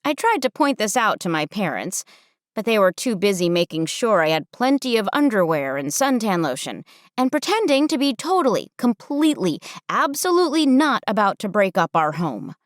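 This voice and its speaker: A woman narrating a first-person audiobook with wry, expressive storytelling. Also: mid-range voice, moderate pace, dry recording, clean studio sound.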